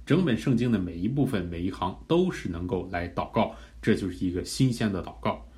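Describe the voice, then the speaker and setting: A man preaching a teaching sermon, earnest and measured, explaining a practice of prayer step by step. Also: low voice, lively intonation, darkish tone. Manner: earnest, measured, rising in fervor during prayed examples. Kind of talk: teaching sermon on pray-reading scripture.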